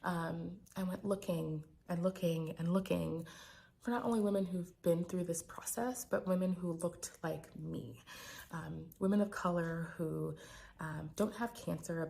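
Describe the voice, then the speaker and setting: An American woman in her thirties speaking quietly but clearly in a hesitant, reflective personal video diary as a physician vlogger. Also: on the low side, steady tone, a little slow.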